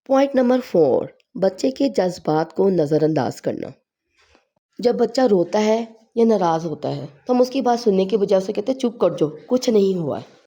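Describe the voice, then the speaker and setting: A woman with a slightly hoarse voice from a sore throat, calmly explaining parenting advice point by point in a home vlog. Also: medium pitch. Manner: calm, explanatory advice-giving, pausing on numbered points. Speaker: parenting vlogger.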